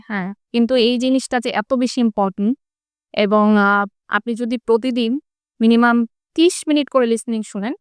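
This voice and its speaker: Brief: woman teacher, fairly high smooth voice, dry close sound, explanatory, rhetorical questions. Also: no echo. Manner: asks rhetorical questions, checks in with tag questions. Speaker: English teacher. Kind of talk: explanatory interview talk.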